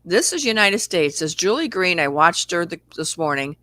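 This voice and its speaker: Bright, forceful chat-show host. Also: mid-range voice, sing-song, moderate pace, no echo. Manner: candid, rambling, reads out viewer comments. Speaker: livestream host. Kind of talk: casual spiritual chat.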